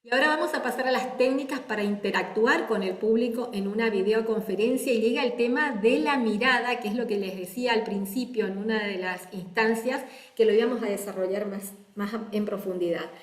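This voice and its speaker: A woman's voice: fairly high pitch, a little fast, hardly any pauses. A woman teaching public speaking in a webinar, explaining step by step over a video call. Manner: explains step by step, models her own intonation. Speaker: speech coach. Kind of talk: webinar lecture. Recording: echoey room.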